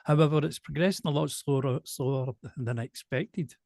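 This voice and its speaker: A man from Glasgow with a softened Glaswegian accent, speaking slowly and precisely in a casual interview. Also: mid-range voice, gravelly, dry recording. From Glasgow, Scotland. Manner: slow, careful, deliberate delivery with restarts. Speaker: show presenter and singer, interviewee.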